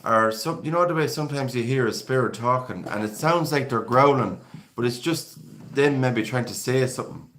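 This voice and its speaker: A man's voice: medium pitch, moderate pace, a bit bright. A man from Galway with a west of Ireland accent hosting a live stream, chatting casually and reading out viewer comments in a rambling, conversational way.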